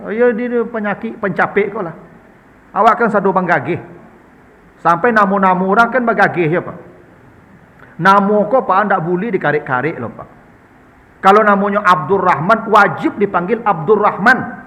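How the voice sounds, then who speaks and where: A man's voice: high-pitched, normal speed, long pauses, bright, forceful tone, big-room sound. A man with a Minangkabau accent preaching in a chatty, humorous way, often addressing his listeners as sir and ma'am. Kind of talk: conversational Islamic study talk answering questions.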